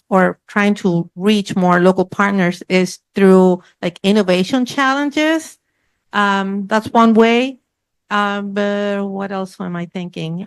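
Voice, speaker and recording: A woman's voice: medium pitch, clean tone. A woman on a panel discussing her foundation's emergency response work, frank and sometimes searching for words.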